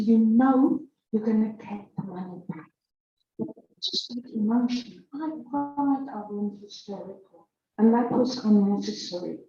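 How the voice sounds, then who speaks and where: Slow, mellow woman. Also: medium pitch. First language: Afrikaans. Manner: halting, self-correcting, emotional. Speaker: church member giving testimony. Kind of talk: personal church testimony. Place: church hall. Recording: echoey church hall, distant dull mic.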